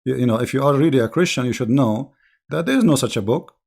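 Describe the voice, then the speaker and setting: A man hosts a live call-in debate, his tone mocking and repetitive. His voice sounds a little hoarse. He sits at a mid pitch for a man. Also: lively intonation, fast, a little mellow. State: slightly hoarse. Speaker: call-in show host. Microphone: Skype call-in setup.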